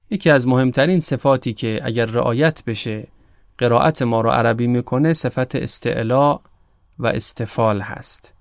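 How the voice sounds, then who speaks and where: Male recitation teacher, native Persian speaker, measured explanation, smooth voice, dry close sound. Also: medium pitch, no room sound. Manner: calm, measured, slows to pronounce Arabic examples. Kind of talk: explanatory lesson.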